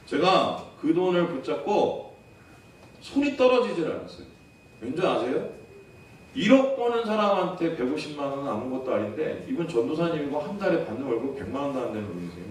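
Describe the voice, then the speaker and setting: Here a thirties-aged pastor delivers a heartfelt sermon full of stories, posing rhetorical questions to his flock in the church sanctuary. He sounds fairly high and sing-song, moving at a quick clip. The recording is distant and echoey, carrying a little hiss or hum.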